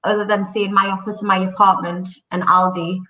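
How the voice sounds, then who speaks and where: A woman's voice: medium pitch, flat delivery, a little fast, crowd noise. A woman from Newcastle with a Geordie accent and trouble pronouncing her R's, chatting casually as a show guest. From Newcastle, North East England. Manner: difficulty pronouncing R sounds. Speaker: guest, recruitment commercial director. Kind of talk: casual chat. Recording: roomy echo.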